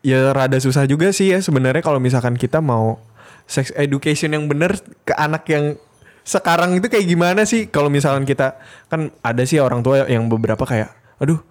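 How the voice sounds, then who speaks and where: A man's voice: on the high side, fairly quick. A man with a Jakarta accent hosting a casual podcast chat, speaking colloquial Jakarta slang with English words mixed in. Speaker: podcast host.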